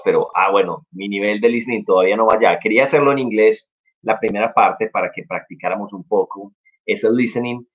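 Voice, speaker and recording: A young man teaching English in a casual live stream, upbeat and encouraging as he explains step by step. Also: on the low side. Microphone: live-stream mic. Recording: dull lo-fi stream audio.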